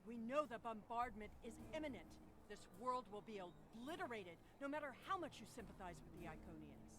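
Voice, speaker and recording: A woman's voice: on the high side, expressive, brisk, noisy background, close to an everyday voice. An actress playing an imperious, ruthless female alien antagonist in a video game, cold and commanding.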